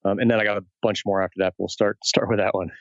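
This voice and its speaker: A man's voice: lowish voice, flat delivery, very fast, no echo, lo-fi sound. A man co-hosting a podcast, asking long probing questions. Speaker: podcast co-host. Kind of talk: casual podcast chat.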